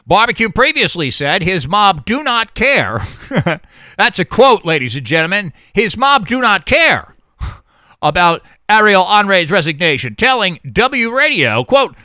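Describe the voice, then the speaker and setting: A man's voice: sits high, very animated, measured pace, bright, forceful tone, dry recording, studio quality. A man giving sardonic commentary, reading news excerpts and mocking them with laughter. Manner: mocking, laughs at his own jokes; reads news excerpts, then riffs on them. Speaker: political commentator.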